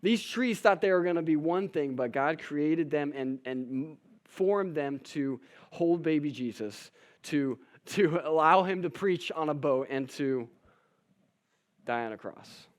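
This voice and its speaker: A man's voice: a little high, unhurried. Casual, joking male pastor. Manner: casual, humorous storytelling with restarts. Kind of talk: sermon.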